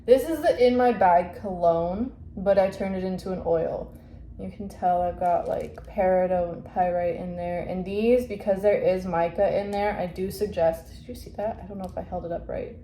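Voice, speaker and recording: Her voice is lowish and mellow, with fairly even intonation and a normal pace, as this shop-owner vlogger chats casually about her store and keeps correcting herself between fillers. She's upstairs in her home, captured by a phone or camera mic in an echoey room with faint background noise.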